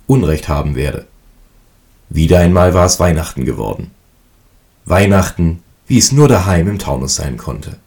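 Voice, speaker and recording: A man reading a fairy tale aloud in a calm, even storytelling manner. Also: deep voice.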